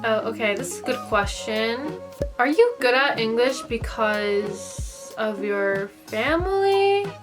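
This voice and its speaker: In a vlog, a young woman with an American accent, from the United States and Japan, answers viewers' questions to camera while thinking out loud. Her voice is a little high, expressive and slow, and she keeps things casual and informal. Music plays in the background.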